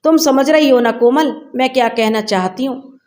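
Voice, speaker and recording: A woman's voice: high-pitched, moderate pace, darkish tone, close to an everyday voice. A woman voicing a protective middle-aged mother, indignant and emotional, in a storybook reading.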